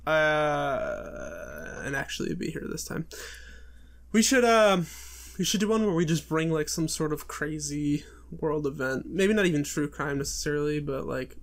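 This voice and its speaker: A man's voice: a little high, very animated, moderate pace, gravelly, few pauses. A young man co-hosting a podcast, rambling in casual chat with lots of fillers. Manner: rambling, full of likes and ums. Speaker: podcast co-host.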